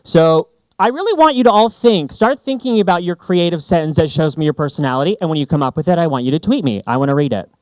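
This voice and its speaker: Upbeat male speaker, slightly high voice, dry close sound, emphatic and playful. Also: fast, no echo. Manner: animated, joking, emphatic. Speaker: branding speaker. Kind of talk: stage presentation. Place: conference stage.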